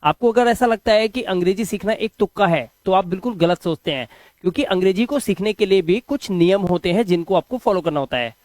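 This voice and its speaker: A man's voice: high-pitched, animated, a little fast, a little mellow, no echo. A man teaching English pronunciation rules in Hindi, patiently spelling out words letter by letter.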